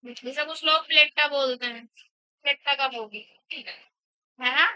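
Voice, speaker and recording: A woman biology teacher lectures a class slowly in a high, sharp voice, asking questions and repeating the students' answers. The recording is dull and lo-fi, with no room sound.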